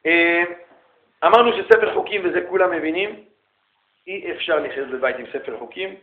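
A man lecturing as a rabbi, animated, calling listeners brother and asking rhetorical questions. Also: on the high side. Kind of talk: lively religious lecture. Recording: echoey room, tinny phone-like sound.

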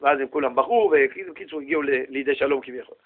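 A man teaching a Torah lesson to students in an animated way, asking them questions and acting out the people in the story. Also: mid-range voice, phone-quality sound. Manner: animated, asks his listeners questions and acts out the people in the story.

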